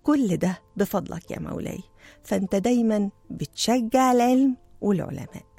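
A woman with an Egyptian Arabic accent voicing a calm, respectful young male scholar who speaks courteously. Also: medium pitch, brisk, vocal fry, dry recording, faint music behind.

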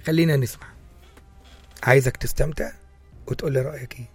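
Fast-talking Egyptian man hosting radio. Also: mid-range voice, fairly even intonation, gravelly, husky, faint music behind. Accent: Egyptian Arabic. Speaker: radio host. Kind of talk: casual radio interview.

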